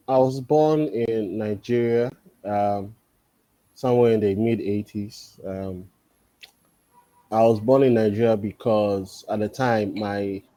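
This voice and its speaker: A man around forty, a guest in a casual interview, talking thoughtfully and pausing often on drawn-out fillers. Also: lowish voice, dark tone, no echo. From Ghana. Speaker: podcast guest.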